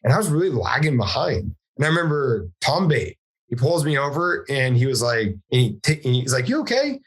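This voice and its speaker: A man's voice: medium pitch, a little fast, slightly rough, poor audio. A man from Southwest Washington, a podcast guest, telling a personal story in casual conversation, acting out what people said. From Southwest Washington, USA. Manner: animated storyteller acting out quoted dialogue, frequent restarts.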